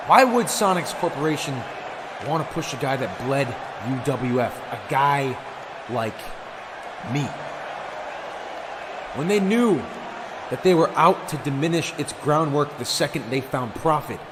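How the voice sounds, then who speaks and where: A man's voice: on the high side, expressive, crowd noise. Intense man cutting a wrestling promo, noisy recording. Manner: intense, bitter, emphatic with deliberate dramatic pauses. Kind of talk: dramatic wrestling promo monologue.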